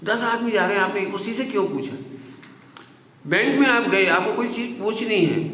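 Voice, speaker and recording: A man from Bundelkhand delivers a religious discourse in a slightly high voice, animated and quick to put questions to his audience. His voice spreads through a large hall with a long, roomy reverb, and faint noise sits underneath. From Bundelkhand, India. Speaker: Jain scholar giving a discourse.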